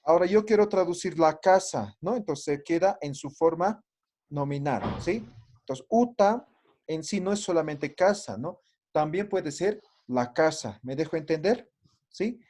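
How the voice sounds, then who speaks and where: Slow, patient male language teacher. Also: fairly high pitch, lively intonation, a little mellow. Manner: patient, checks understanding with frequent tag questions. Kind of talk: classroom lesson.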